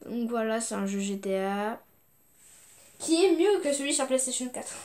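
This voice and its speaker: A woman's voice: on the high side, lively intonation, moderate pace, a little mellow. A young woman chatting casually as she shows her video game collection, hesitant, with many fillers and restarts. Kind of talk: casual unboxing chat.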